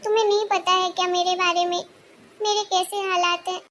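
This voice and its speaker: A woman voicing a gentle, worried young woman, a mistreated stepdaughter in a cartoon, speaking softly and meekly. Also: extremely high pitch, little pitch movement, brisk, a little hiss or hum. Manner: soft, meek and anxious.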